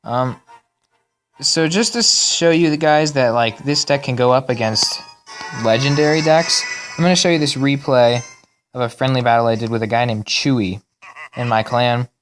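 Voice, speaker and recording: A young man giving casual, rambling commentary on a mobile game replay, correcting himself as he goes, his voice worn and going hoarse. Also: medium pitch, normal speed, a bit bright, soft background music, low-quality recording. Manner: rambling, self-correcting, chatty. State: losing his voice. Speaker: gaming channel host.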